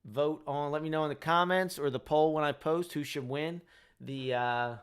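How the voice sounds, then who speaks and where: A young man with a Delco accent chats with his viewers and tells them he is tired. He rambles and jokes at his own expense. His voice is clear and smooth and sits a little high. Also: normal speed. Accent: Delco, Delaware County, Pennsylvania. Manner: rambling, self-deprecating, joking. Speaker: rideshare driver and channel host. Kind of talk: casual chat with live viewers.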